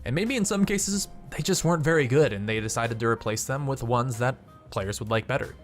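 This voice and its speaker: A man with a medium-pitched voice reads scripted narration at a brisk pace for his video game channel, with background music playing under him.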